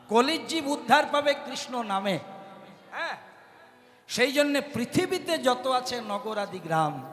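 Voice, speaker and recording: A man's voice: extremely high pitch, a bit bright. A man giving a devotional kirtan sermon who keeps turning to the audience with questions. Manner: addresses the audience directly with questions. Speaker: kirtan singer and preacher. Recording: long hall reverb with music.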